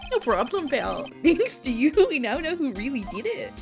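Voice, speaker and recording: A woman's voice: high voice, sing-song, moderate pace, creaky, music in the background, heavily acted. Woman doing a goofy folksy cop who calls everyone pal. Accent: mock Minnesotan put-on. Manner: folksy, calls people pal, keeps cracking up. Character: bumbling good-natured male police detective. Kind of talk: reading game dialogue aloud on stream.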